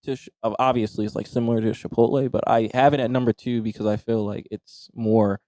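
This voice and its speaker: A man's voice: mid-range voice, fairly even intonation, a little fast, mellow, dry recording. A young man chatting casually as a guest on a podcast, laid-back and often laughing. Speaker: guest, giveaway winner.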